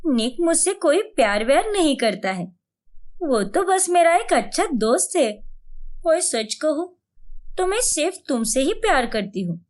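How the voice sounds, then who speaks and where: Sharp-tongued young cartoon wife with a lively, high voice, played by a woman. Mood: tender. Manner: retorting sharply.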